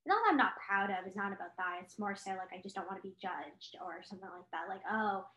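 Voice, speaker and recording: Chatting away as a co-host, this young Chinese-heritage woman laughs often and uses many fillers. She speaks fast in a mid-range, slightly bright voice. The audio is dull and the room echoes.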